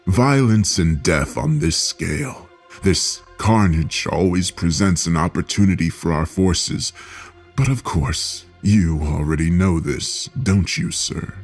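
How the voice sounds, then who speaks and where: A man voicing a gloating demonic tour guide who speaks slowly, with sneering menace. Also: sits low, husky, faint music behind, voice pushed down, heavily acted.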